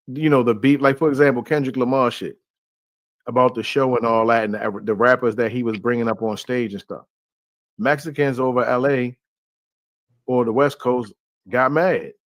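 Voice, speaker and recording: A man holds forth in an easygoing, rambling way and keeps circling back with filler phrases. His voice sits at a middling pitch. It is recorded dry, with no room sound. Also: dry recording. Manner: loose, conversational, heavy on filler phrases. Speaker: podcast panelist. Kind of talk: casual opinionated discussion.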